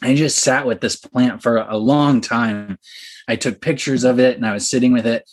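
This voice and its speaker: A young man telling a story as a podcast guest, excited and animated, with many fillers. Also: mid-range voice, moderate pace. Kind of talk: casual storytelling.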